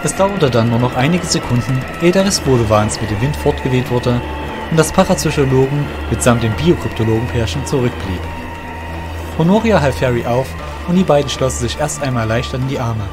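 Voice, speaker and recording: A man performs scripted narration for a fantasy audio drama, his voice medium in pitch, animated, and a little fast. Clear music runs underneath the story.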